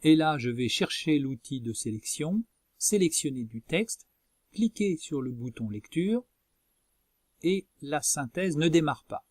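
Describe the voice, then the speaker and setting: A man presenting a software tutorial as a screencast voice-over, explaining methodically step by step. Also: medium pitch, no echo, clean studio sound. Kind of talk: instructional screencast narration.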